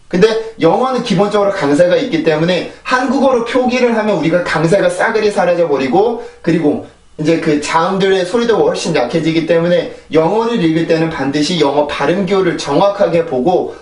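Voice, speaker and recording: A man teaching English pronunciation, explaining step by step and repeating drill words three times. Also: fairly high pitch. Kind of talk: pronunciation lesson. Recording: echoey room, voice a bit far from mic.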